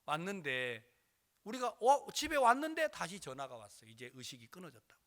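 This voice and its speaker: Bright, animated male pastor preaching. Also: high voice, a little fast. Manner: dramatic storytelling with acted-out voices. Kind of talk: sermon.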